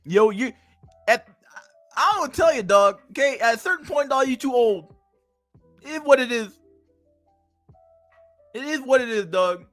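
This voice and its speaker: Man, 30s, high voice, dry sound with faint music behind; crude, mocking stream commentator. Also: expressive, unhurried, long pauses, fairly bright tone, no room sound. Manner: mocking, crude, laughs often, reads an article aloud then rants. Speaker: streamer reacting to an article. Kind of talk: casual livestream commentary.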